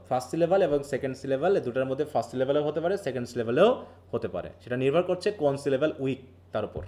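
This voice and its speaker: A man's voice: fairly high pitch, darkish tone. A man from Bangladesh teaches linguistics in a live online class. He explains patiently, mixes in English terms, and keeps asking his students questions.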